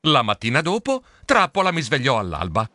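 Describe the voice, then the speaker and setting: A man narrating a children's storybook in a theatrical way, with sound effects and drawn-out words. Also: mid-range voice, huge pitch swings, sharp tone, no echo. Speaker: storybook reader.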